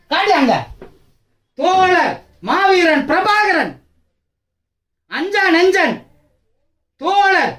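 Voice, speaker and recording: Fiery, high-voiced union leader from Tamil Nadu. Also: male voice. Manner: combative, taunting, loud and rhetorical. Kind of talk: fiery political challenge speech.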